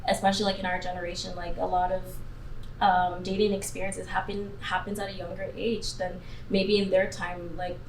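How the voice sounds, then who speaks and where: Even-toned young woman in a roomy space. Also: on the low side, brisk, creaky. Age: young adult. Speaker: panel guest. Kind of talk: conversational panel talk. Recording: roomy, distant mic with faint noise.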